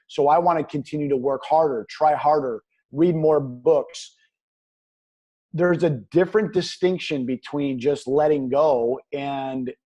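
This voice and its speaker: Speaking in a fairly high-pitched but dark-toned voice, a man plays a guest business coach in motivational interview talk. He sounds earnest and motivational and keeps returning to pet phrases.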